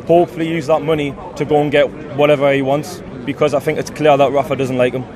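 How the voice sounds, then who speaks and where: A man's voice: fairly high pitch, level tone, fast talker. A man firmly stating his football opinion on the street. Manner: firm, repetitive. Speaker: football fan interviewee. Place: outdoors on a busy street. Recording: crowd chatter behind.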